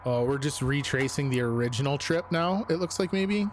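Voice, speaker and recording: A man's voice: mid-range voice, expressive, moderate pace, a little hiss or hum. A man giving casual, uneasy, sweary commentary as he streams a scary video game. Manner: sweary, informal.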